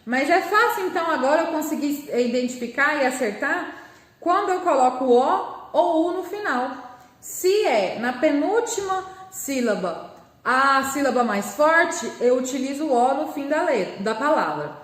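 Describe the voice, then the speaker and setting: A Brazilian woman gives a lesson to young children, patiently sounding out each word syllable by syllable. Her voice sits high. The recording carries a noticeable room echo. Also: expressive. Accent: Brazilian Portuguese. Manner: patient, slow, spells words out syllable by syllable. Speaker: primary school teacher. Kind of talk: remote class lesson.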